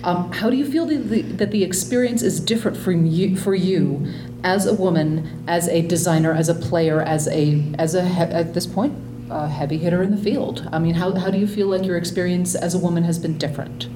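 A woman moderates a casual panel in a tentative, hedging way. Her pitch is a little low. The room is echoey, with clear humming noise behind her. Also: a little fast. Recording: roomy, humming background noise.

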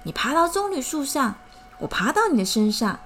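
A woman voicing a small, sad little ant in a children's story, with a high, tearful voice that turns excited. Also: normal speed, soft background music, exaggerated voice. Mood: eager. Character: small sad ant who finds hope.

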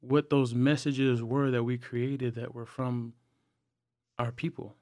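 Young man, podcast guest, earnest and halting, dry close mic. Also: mid-range voice, little pitch movement, a little mellow, no echo. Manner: earnest, halting with frequent fillers and restarts. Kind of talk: candid personal sharing.

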